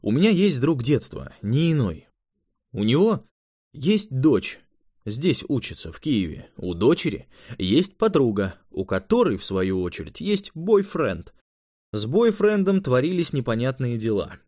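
A man's voice: mid-range voice, sing-song, measured pace, mellow, no room sound, studio quality. A man voicing an eager young male mage in an audiobook, talking in a raised, explanatory way.

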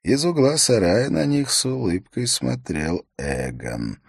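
A man reading an adventure novel aloud as an audiobook narrator, in a measured, steady storytelling manner. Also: on the low side, husky, dry recording, studio quality.

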